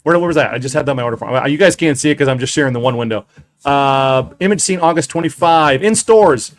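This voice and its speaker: A man running a casual livestream from his basement office, swearing a lot, getting excited and then putting himself down. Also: mid-range voice, fast talker. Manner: profane, excitable, self-deprecating. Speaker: comic shop owner streaming.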